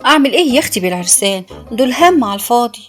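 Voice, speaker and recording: A woman's voice: on the high side, lively intonation, rapid-fire, faint music behind, natural voice. An actress voicing a quarrelsome, hot-tempered landlady in a comic radio serial, speaking with an Egyptian accent in a combative, scolding way. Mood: sarcastic. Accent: Egyptian Arabic. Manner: brash, combative, shouty scolding.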